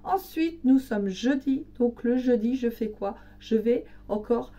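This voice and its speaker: A woman vlogger with a hoarse, raspy and breathy voice, as if it is only just coming back. She chats casually and explains step by step in a fairly high, soft-edged tone. She sounds a little away from the mic. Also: expressive, a little slow, recorded from a distance. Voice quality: raspy, partly breathy voice from voice loss. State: hoarse, weak voice recovering from laryngitis. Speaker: home cleaning vlogger. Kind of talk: casual chat to camera.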